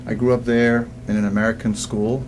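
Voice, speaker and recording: A man in his sixties from Egypt, a guest business coach in a casual interview, telling stories with lively restarts and repeated words. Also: mid-range voice, a little fast, background noise. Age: 60s. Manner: animated storyteller who repeats words when starting sentences.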